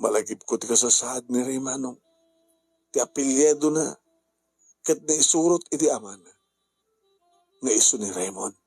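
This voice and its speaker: A man with an Ilocano accent who narrates a radio letter-drama in a slow, measured storytelling manner. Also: medium pitch, darkish tone, husky, no echo, faint music behind.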